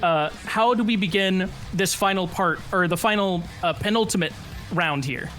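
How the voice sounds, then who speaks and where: A man running a tabletop game as game master, improvising narration with animated, descriptive storytelling. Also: high voice, moderate pace, soft background music.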